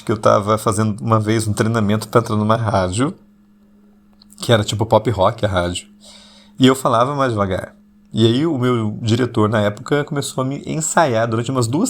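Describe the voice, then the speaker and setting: A man, hosting an intimate late-night podcast monologue and deliberately talking slower and lower, though he still slips into speaking fast. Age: 40s. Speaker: podcast host.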